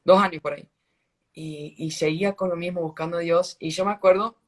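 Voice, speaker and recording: A man's voice: on the high side, steady tone. Earnest man telling his faith story. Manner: earnest, halting storytelling with restarts. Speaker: guest sharing a faith testimony. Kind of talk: casual testimony on a live stream. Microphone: phone on a live video stream.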